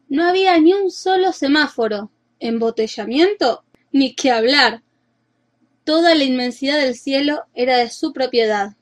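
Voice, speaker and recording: High-voiced woman reading a children's story. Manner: lively, expressive reading.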